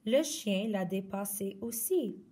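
Slow-reading woman. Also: mid-range voice, recorded from a distance. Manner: slow, clear, expressive read-aloud. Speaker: storyteller. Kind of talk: reading a children's picture book aloud.

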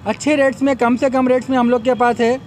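A man's voice: very high voice, little pitch movement, fast talker, a little mellow, slight background noise. A young man, an event organizer giving a promotional press statement into a bank of microphones at an outdoor expo, repeatedly urging customers to come. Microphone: bank of press microphones on a table.

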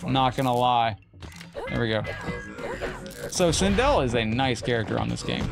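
A man live-streaming a game, chatting casually with viewers and his cat and getting excited during an unboxing. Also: mid-range voice, normal speed, vocal fry, music in the background.

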